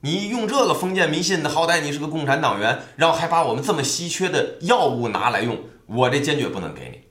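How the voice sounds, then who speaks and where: A man's voice: on the high side, animated, fast, fairly bright tone, voice pushed up. A man voicing a prim, strict young woman medical expert who scolds firmly, recorded with a roomy echo. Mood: stern. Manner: firm, scolding.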